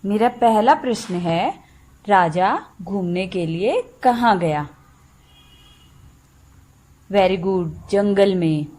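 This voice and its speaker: Slow, patient woman teaching children. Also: medium pitch, a little mellow. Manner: slow, deliberate, explains word by word to children. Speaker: primary school teacher. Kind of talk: slow classroom lesson for young children.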